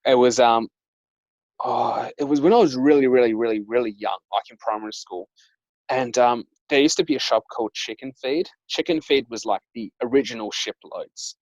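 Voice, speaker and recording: A man's voice: medium pitch, moderate pace, a little mellow, no room sound, dull audio. A young man, hosting a casual chat and telling stories with lots of fillers like "like" and "um". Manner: chatty storyteller, lots of "like" and "um". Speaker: dating coach and host.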